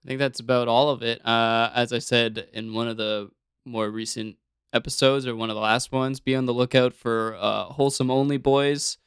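A man co-hosting a comedy podcast, chiming in with quick remarks. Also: mid-range voice, steady tone, fairly bright tone, clear, resonant tone, no room sound, clean studio sound. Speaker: podcast co-host. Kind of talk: casual comedic chat.

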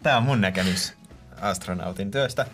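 A man's voice: deep voice, a bit bright, faint music behind. A man in his thirties co-hosting a podcast, joking playfully and imitating sounds in casual chat. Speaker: podcast co-host.

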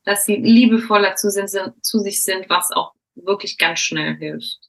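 A woman's voice: mid-range voice, moderate pace, gravelly, poor audio. A young woman hosting a podcast interview, asking questions and cheerfully encouraging her listeners. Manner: upbeat, encouraging, addresses listeners as a group. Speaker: podcast host.

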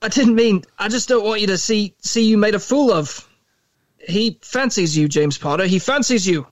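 A man's voice: sits high, moderate pace, no echo, highs cut off, pitched above the performer's own voice, lightly acted. A man reading aloud and voicing a bitter, resentful teenage schoolboy who speaks defensively and sputters. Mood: sputtering.

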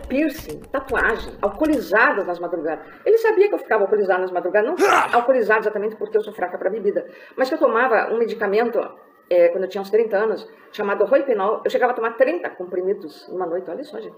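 A woman's voice: mid-range voice, expressive, rapid-fire, a little hiss or hum. A middle-aged woman hosting a live stream, giving a confessional personal testimony and often checking in with her viewers. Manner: confessional, talks straight to viewers with tag questions.

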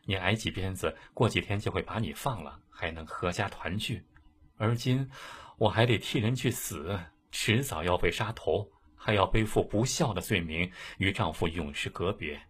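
Guy doing a quiet resigned young wife, soft and tired, breathy. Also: on the low side, lively intonation, normal speed. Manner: soft, weary, pleading.

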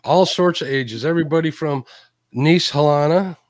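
A man's voice: on the high side, moderate pace, no room sound. A man co-hosting a live fishing stream, chatting casually and greeting viewers by name.

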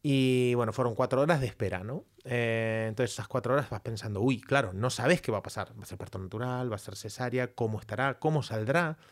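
Male co-host, casual animated storyteller. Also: mid-range voice, fairly quick, hardly any pauses. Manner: animated storyteller, restarts, acts out voices. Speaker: podcast co-host. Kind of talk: casual chat.

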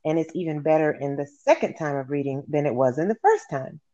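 A guest sharing personal habits in a measured, reflective way. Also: mid-range voice, lively intonation, dark tone. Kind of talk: casual interview chat. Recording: dull lo-fi line.

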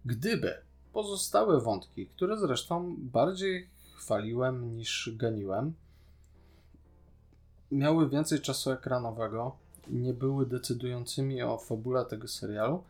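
A man with a mid-range voice speaks at a measured pace, his tone a little mellow, with faint music behind him. Co-hosting a podcast, he casually critiques a TV series in an opinionated, sarcastic way.

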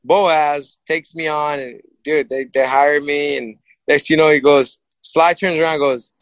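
Rambling, animated boxer telling stories. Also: male voice, on the high side, unhurried, dry recording, lo-fi sound. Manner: rambling and animated, repeats himself. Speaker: boxer guest. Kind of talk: casual storytelling. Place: studio set, live stream.

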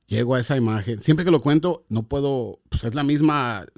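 A man's voice: mid-range voice, normal speed, darkish tone. A man telling a personal conversion story in casual chat, mixing with English slang. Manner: mixes Spanish and English slang, emotional storytelling.

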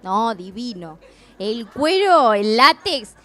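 A woman's voice: fairly high pitch, sing-song, slow pace, a bit bright, faint music behind. A woman with an Argentine accent co-hosting a live radio show, chatting in a playful, bawdy way. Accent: Argentine Spanish. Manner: playful, bawdy, laughs often. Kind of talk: casual banter on live radio.

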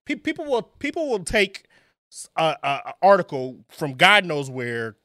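Bright-voiced stammering man. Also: a little high, wildly swooping pitch, normal speed, dry recording, clean studio sound. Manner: stammering, repeats words when making a point. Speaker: podcast co-host. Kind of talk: casual chat.

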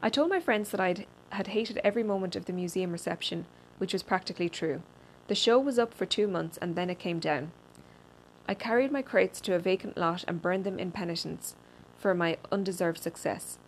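A woman reading a personal essay aloud in a deadpan, wry way, now and then stumbling and restarting a word. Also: fairly low pitch, a little fast, slight background noise, poor audio. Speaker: reader.

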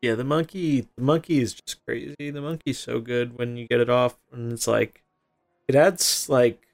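Male gaming podcast host, creaky voice, mid pitch, casual analytical match commentary. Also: fairly even intonation, normal speed. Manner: analytical, explanatory. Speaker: podcast host playing a card game. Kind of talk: casual gameplay chat and commentary.

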